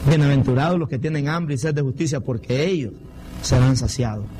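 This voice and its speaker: A middle-aged man preaching a sermon as a pastor, fervent and rising to high emphatic peaks. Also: brisk, background noise.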